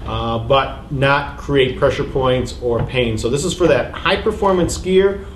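Indoors in a ski boot shop, a shop owner in his forties enthusiastically explains a product's features for a gear review. He speaks at medium pitch in an unhurried way, and the room is echoey with faint hiss.

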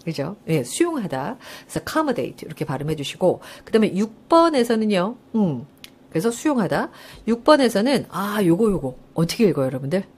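Lively Korean woman teaching English. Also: medium pitch, a little fast, slightly rough. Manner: lively, coaxing, asks students questions and answers herself; laughs often while explaining. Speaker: English test-prep lecturer. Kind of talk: live online lecture.

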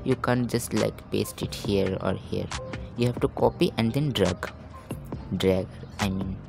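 A man narrates a software tutorial in a low, gravelly voice, calm and hushed. He talks very slowly and haltingly, thinking aloud close to the mic, with music behind him. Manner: slow, calm, hushed talk. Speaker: tutorial host. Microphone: microphone held close to the mouth.

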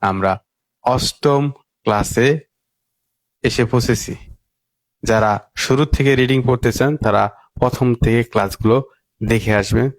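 A man gives an English pronunciation lesson, repeating short words several times so learners can follow. His voice sits at an ordinary middle pitch. The recording is close and dry, with no room sound. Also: no echo. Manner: slow, repetitive drilling of words. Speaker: English teacher. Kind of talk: spoken language lesson.

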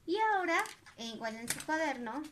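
A woman with a Mexican Spanish accent, teaching English to small children in a recorded online class, drilling words slowly with long drawn-out pronunciation. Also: high-pitched, very animated, a bit bright, slight background noise.

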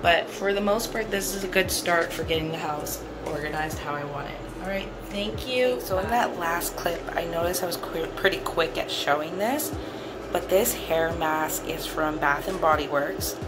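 Her voice is fairly low and moderately paced as she cheerfully shows off her newly cleaned bathroom at home, saying things more than once. She's an adult cleaning vlogger with a son, and the clip has music behind her and heavy background noise.

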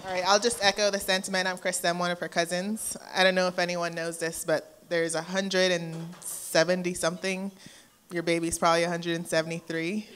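Even-voiced woman giving a toast. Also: fairly low pitch, fairly quick, slight background noise. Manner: plain, even and matter-of-fact. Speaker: bride's cousin giving a toast. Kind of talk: brief wedding toast. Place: wedding reception hall.

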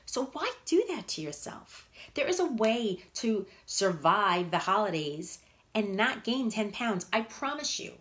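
A woman's voice: medium pitch, very animated, unhurried, a bit bright. Blunt, emphatic woman in her fifties. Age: 50s. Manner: blunt, emphatic, repeats points for punch. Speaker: fitness and nutrition coach. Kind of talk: live-stream motivational talk to viewers.

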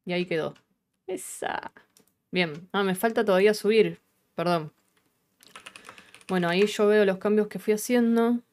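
A woman's voice: medium pitch, darkish tone. A woman with a Rioplatense Argentine accent hosting a casual live coding stream, chatting as she works, thinking aloud and swearing casually. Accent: Rioplatense Argentine Spanish.

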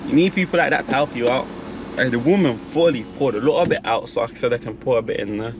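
Sitting in his car at drive-throughs, this young British man vlogs his pranks and chats in an informal, slangy way at a quick pace in a mid-range voice. Engine noise and an outdoor hum fill the car.

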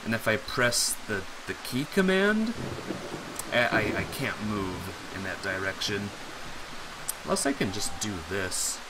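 Jumpy male horror game streamer, swooping pitch. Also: sing-song, measured pace, noisy background. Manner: jumpy, scared horror streamer, breaking into exclamations; self-deprecating, rambling to viewers. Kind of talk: casual live gameplay commentary of a horror game.

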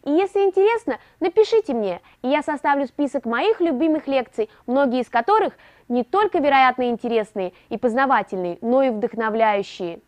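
A young woman in her early twenties from Russia, hosting a tech show and narrating a scripted gadget review with a lively, expressive delivery. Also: high-pitched, fairly quick. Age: early 20s.

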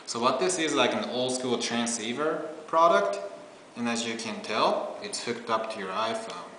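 In a small, bare indoor meeting room, a product presenter in his twenties runs through a casual, relaxed demo. His medium-pitched voice is animated, pushed and bright at a moderate pace. The table camera sits an arm's length or more away, capturing echo, faint music and a little hiss or hum.

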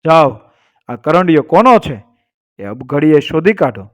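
A man's voice: on the high side, big pitch swings, a little slow. A man doing a furious king barking orders. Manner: shouting orders. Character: angry commanding male king.

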